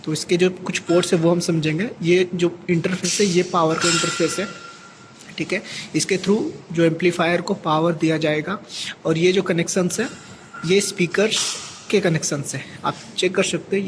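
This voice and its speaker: A man with an Indian accent and a high-pitched voice walks through a hands-on equipment tutorial step by step, working as a technician and often tacking on a short check-in. His intonation stays fairly even at a normal speed. The amateur recording is clearly noisy, with ambient sound.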